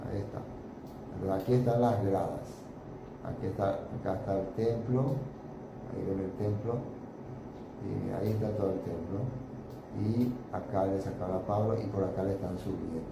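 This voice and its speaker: A man leading an informal Bible study, explaining in a chatty, searching way with many fillers while pointing out pictures. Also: on the low side. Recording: roomy echo with steady background noise.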